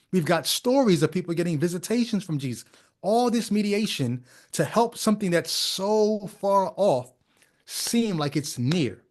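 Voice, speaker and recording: Wry man commenting with sarcastic asides. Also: high voice. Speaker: podcast host. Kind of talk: casual commentary.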